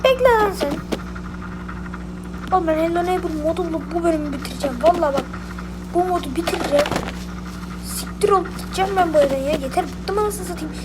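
A woman's voice: very high-pitched, fast talker, heavy background noise. A woman giving let's play gameplay commentary, muttering to herself in frustration and swearing often. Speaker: gamer.

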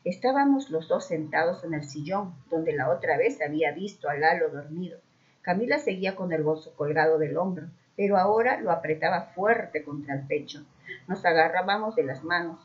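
A woman narrating a children's mystery story aloud, expressive and acting out the dialogue. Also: on the low side, moderate pace. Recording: dull muffled recording.

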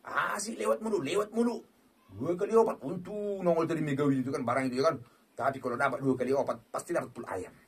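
Raspy, excitable man. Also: fairly high pitch, fast. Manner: excitable, swings between muttering and shouting at the game, cursing. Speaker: online slot game streamer. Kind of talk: excited live gameplay commentary.

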